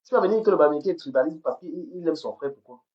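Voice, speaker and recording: A woman's voice: low-pitched, expressive, fast talker, muffled recording. A woman from Cameroon, hosting a livestream and ranting angrily, repeating herself and stumbling over words. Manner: heated, repetitive, stammers on words. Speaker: livestream host. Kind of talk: angry livestream rant. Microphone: phone camera.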